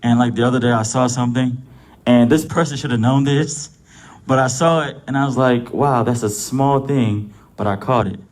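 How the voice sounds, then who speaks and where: Relaxed man in his thirties. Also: mid-range voice. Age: 30s. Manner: relaxed, with many "um" pauses. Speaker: guest, photographer and barber. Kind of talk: casual talk show chat.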